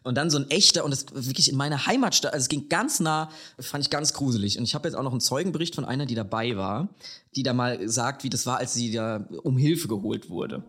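A man from Lower Franconia in Germany, co-hosting a casual podcast chat and telling a story in an animated way that slows down for emphasis. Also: slightly rough. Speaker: podcast co-host.

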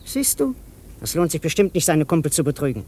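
A man's voice: fairly high pitch, sing-song, brisk, a little mellow, a little hiss or hum. A man playing a threatening gangster in a radio play, sneering and menacing.

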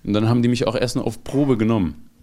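A man telling his life story in a casual interview, animated, acting out the voices of people he quotes, often laughing. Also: medium pitch, fast. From grew up in Germany after fleeing with his mother. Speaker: guest comedian. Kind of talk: candid storytelling in a podcast interview.

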